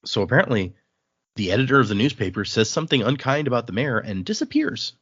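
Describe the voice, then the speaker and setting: With big pitch swings and fast delivery, a man recaps a novel informally on his podcast, reading pieces of it aloud. His mid-range voice is husky and a bit bright, and the audio is dry and lo-fi.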